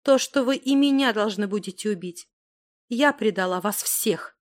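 A young woman caught between love and loyalty, soft-spoken and quietly pleading, as a woman reading the story puts her on. Her words come gentle and low, a storybook heroine holding herself together. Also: normal speed, natural voice. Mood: composed.

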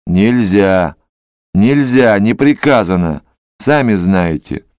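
A man's voice: lowish voice, lively intonation, slow pace, a little mellow, no room sound, studio quality. A man voicing a stern male hospital guard who gives short, blunt orders in a classic story reading. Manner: curt, commanding.

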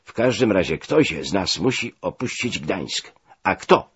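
A furious American naval commander barks orders and curses, as a man puts him on, his low, husky voice swinging widely. The recording is dull and lo-fi. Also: sing-song, unhurried, heavily acted.

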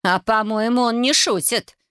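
A stern older village woman, voiced by a woman reader, scolds in a higher, sharper voice. She is reproachful and demanding. The sound is dry and near the mic. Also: moderate pace, a bit bright, smooth, dry recording, natural voice.

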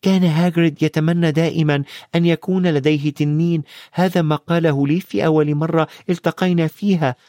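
A man's voice: a little high, fairly even intonation, fairly quick, warm tone, dry recording, studio quality, pitched above the performer's own voice, close to an everyday voice. A man voicing an earnest young boy wizard in a storybook reading, speaking plainly.

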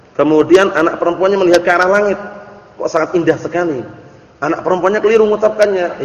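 A man, a religious teacher, giving a classroom lecture on Arabic grammar. He recites the Arabic slowly, explains it, and keeps checking that students follow. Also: fairly high pitch. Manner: keeps checking understanding with quick questions. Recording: echoey hall, dull lo-fi audio.

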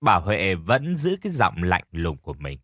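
A man narrating a scripted story in a lively, dramatic way. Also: low-pitched, moderate pace, no room sound, clean studio sound.

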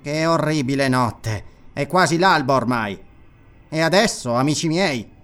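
A gloating, treacherous priest with a raised, lively voice that sneers with irony at every turn, as a male narrator puts him on. He speaks in a strained, sharp tone that swings up and down. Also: fairly high pitch, a little slow, faint music behind. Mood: weary. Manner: sneering, ironic. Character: sly mocking treacherous male red priest.

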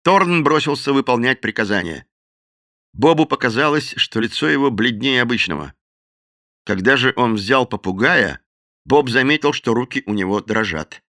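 A man reading a novel aloud as an audiobook narrator with expressive, dramatic delivery. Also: mid-range voice, moderate pace, no echo, studio quality. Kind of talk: scripted narration.

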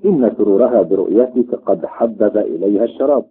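A man voicing a cunning trickster god who speaks calmly and deliberately, on a tinny, phone-like recording. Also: lowish voice, close to an everyday voice. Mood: sly. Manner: calm and measured.

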